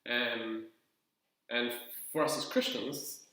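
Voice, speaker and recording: Calm co-presenter explaining simply in an echoey room. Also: mid-range voice, slow. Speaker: children's church co-presenter. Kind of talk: children's Bible talk.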